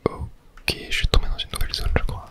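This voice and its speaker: A man whispers softly right up against the microphone the whole time, offering relaxed ASMR commentary on a video game and addressing his viewers gently while playing. His delivery is brisk.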